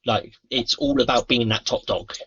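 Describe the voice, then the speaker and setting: Brief: male host, bright but husky voice, earnest explainer, muffled lo-fi sound. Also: mid-range voice, normal speed. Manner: earnest, explanatory, acts out quoted lines. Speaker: anti-bullying trainer, podcast host. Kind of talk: casual convention interview chat. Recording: muffled lo-fi convention recording.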